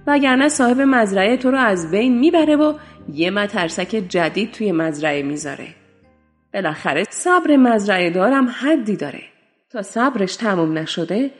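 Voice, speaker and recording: A woman's voice: mid-range voice, sing-song, in a large hall, soft background music, lightly acted. A woman voicing a bold, encouraging rooster in a children's story, speaking in a confident, reassuring way.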